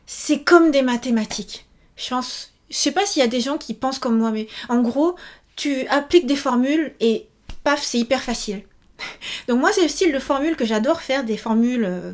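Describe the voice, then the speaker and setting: A woman giving a casual video lesson, chatty, with many fillers, repeating each example word. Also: sits high. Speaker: Japanese teacher.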